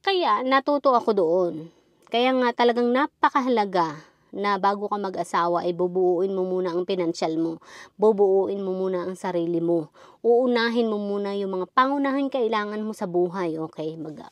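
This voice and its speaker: A woman's voice: mid-range voice, lively intonation, moderate pace, no room sound. A woman vlogger giving life advice in a lecturing, emphatic way, often checking in with her listeners. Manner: lecturing, keeps asking "okay?"; repetitive, emphatic. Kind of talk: casual advice monologue.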